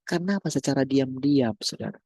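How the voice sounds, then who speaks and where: A man preaching a sermon, calling the listeners brothers and sisters and asking them one rhetorical question after another, swinging between loud and soft. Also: mid-range voice, lively intonation, fairly quick, breathy edge, no room sound.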